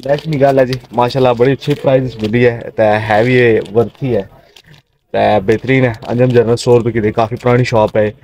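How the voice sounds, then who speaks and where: A man's voice: medium pitch, steady tone, normal speed, darkish tone. A young man with a Pothwari Punjabi accent, vlogging casually as he walks a market and greets shopkeepers. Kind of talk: casual walking vlog chat. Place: busy outdoor bazaar. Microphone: handheld camera at arm's length. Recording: crowded street noise. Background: crowd chatter and street noise.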